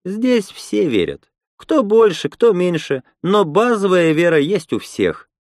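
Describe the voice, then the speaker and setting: An uneasy, knowing young woman who explains in a lifted, lively voice, as a male narrator puts her on. The sound is close and dry, a storybook reading. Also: sits high, slow, no room sound, pitched above the performer's own voice, exaggerated voice. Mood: uneasy explaining. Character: woman Lena, shaken but knowing insider.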